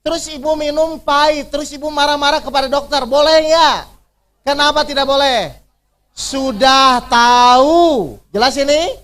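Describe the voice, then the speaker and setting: With an extremely high, slightly bright voice, an Islamic preacher leads a religious workshop that engages his listeners. He quizzes them through rhetorical questions and keeps repeating key phrases to make his points stick.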